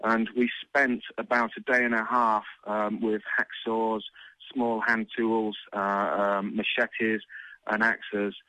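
A man, a military officer, giving a measured eyewitness report in formal phrasing. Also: lowish voice, little pitch movement, sharp tone, dry recording, poor audio.

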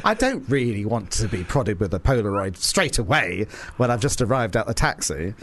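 A man's voice: on the low side, very animated, normal speed, a bit bright, slight background noise. A middle-aged man presenting a radio show in a campy, theatrical drag-diva manner, drawing out words and endearments.

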